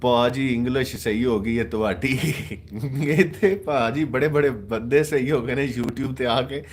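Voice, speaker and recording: A man's voice: mid-range voice, takes it slowly. A man with a Punjabi accent, from Pakistan, hosting a casual live stream, joking with viewers as he reads their comments. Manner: joking, switches into mocking put-on voices.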